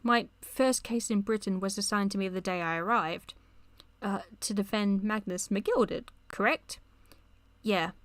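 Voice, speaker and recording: A woman's voice: mid-range voice, unhurried, fairly bright tone, dry recording, close to an everyday voice. A woman reading the lines of a guilt-ridden, anxious young male lawyer from a chat log, in a dry close sound. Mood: remorseful. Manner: read aloud from a chat log.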